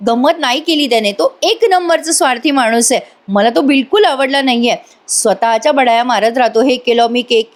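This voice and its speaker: Brief: a woman doing a stubborn young serial heroine, upset and complaining, slightly high voice. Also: fairly quick, lightly acted. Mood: protesting. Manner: protesting, complaining.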